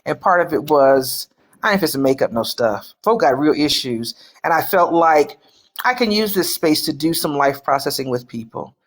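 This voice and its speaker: A woman's voice: low-pitched, expressive, moderate pace. A woman coaching people on healing during a casual live stream. She talks plainly and emphatically, with colloquial turns of phrase. She hammers her points home by repeating them.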